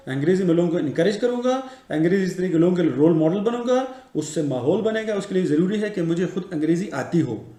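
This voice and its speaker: A man's voice: sits high, warm tone, reverberant. A man, an English teacher giving an earnest talk to camera, repeating his points as he lectures.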